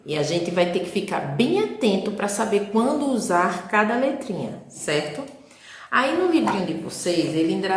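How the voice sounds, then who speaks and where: A woman with a Brazilian Portuguese accent teaches young children in a recorded lesson. She speaks very slowly and patiently, with a lowish voice. She spells out each sound, and an echoey room rings around her.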